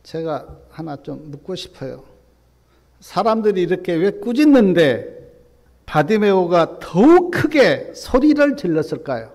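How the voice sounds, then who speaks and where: A male pastor preaches in a fairly high, mellow voice. He drops to soft, low asides, then rises to loud, emphatic appeals. His voice carries a long reverb from the church hall. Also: very animated, a little slow. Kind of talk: sermon.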